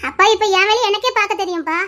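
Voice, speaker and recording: A woman's voice: extremely high pitch, racing, a little hiss or hum. A woman playing a bitter grown daughter who lectures her parents reproachfully.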